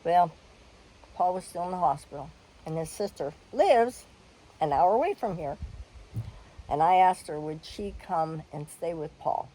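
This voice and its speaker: A woman's voice: fairly low pitch, animated, a little slow, pauses often, warm tone, rough recording. An older woman telling a personal story in a candid, blunt way, with the odd cough and sigh.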